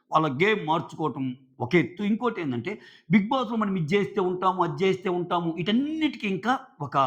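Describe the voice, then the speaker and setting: A man talks quickly in a high, lively register, giving casual commentary on a reality show. He chats conversationally and slips into quoted lines as he retells them. The sound is dull and lo-fi.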